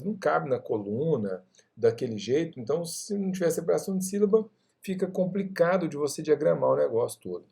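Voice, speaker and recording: A Brazilian man walks through a software tutorial with a gravelly, fry-edged voice. He sits slightly above the usual pitch for a man, yet his tone stays mellow and dark. He explains patiently, with frequent quick check-ins to the viewer. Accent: Brazilian Portuguese. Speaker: design software instructor. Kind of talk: screen-recorded software tutorial.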